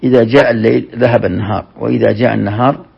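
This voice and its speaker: A gravelly, husky man gives a measured classroom lesson, explaining scripture verse by verse and often restarting a phrase. The recording is dull and lo-fi, like an old lecture tape. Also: mid-range voice, steady tone. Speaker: Quran commentary teacher.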